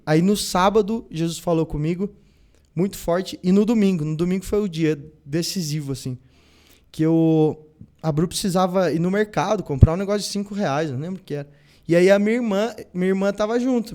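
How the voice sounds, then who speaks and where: Man, Brazilian Portuguese accent, young adult, podcast guest, animated storyteller, slightly high voice. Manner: animated, acts out quoted dialogue. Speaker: podcast guest, band musician. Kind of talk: casual storytelling interview.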